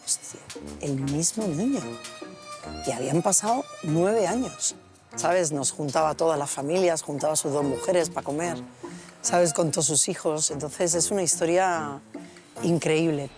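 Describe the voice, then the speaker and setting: A woman's voice: low voice, moderate pace. A woman telling family stories in casual talk, acting out the voices of the people in them. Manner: animated, acts out voices in her stories. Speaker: guest. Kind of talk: casual storytelling. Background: background music.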